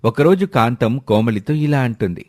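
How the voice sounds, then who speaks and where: A man's voice: medium pitch, expressive, moderate pace. A man narrating a folk story in a scripted storyteller's lilt.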